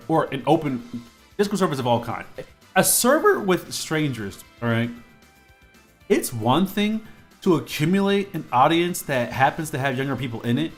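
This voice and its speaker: At a medium pitch, this twenty-something male streamer chats while he draws live, wandering off-topic and filling his talk with fillers and false starts.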